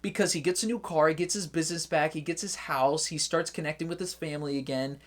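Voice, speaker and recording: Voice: mid-range voice, fairly even intonation, quick pace. A movie reviewer talking in a casual, rambling way, full of filler words and jokey asides.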